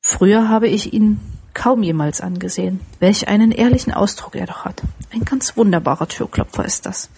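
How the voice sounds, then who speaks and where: A woman voicing a giddy, overjoyed old male miser in an audiobook, with excited exclamations. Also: mid-range voice, normal speed, breathy edge.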